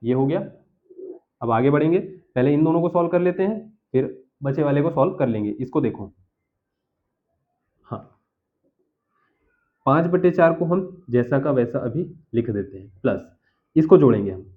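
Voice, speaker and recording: A man's voice: on the high side, animated, moderate pace, long pauses. A man teaching a school math lesson, working through each step aloud and often checking in with the class. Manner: talks himself through each step, keeps checking "theek hai sir". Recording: tinny phone-like audio.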